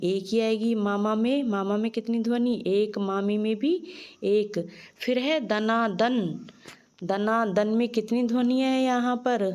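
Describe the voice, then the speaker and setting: A woman's voice: medium pitch, mellow. A woman teacher explaining a children's lesson, patiently asking questions and answering them herself. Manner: slow, patient, asks and answers her own questions.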